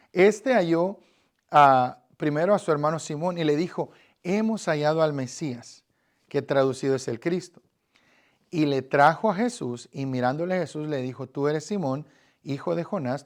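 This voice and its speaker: A man from Guatemala with a Guatemalan accent, giving an earnest Bible lesson on evangelism and speaking directly to the listener with frequent fillers. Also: fairly high pitch. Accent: Guatemalan Spanish. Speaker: evangelism teacher.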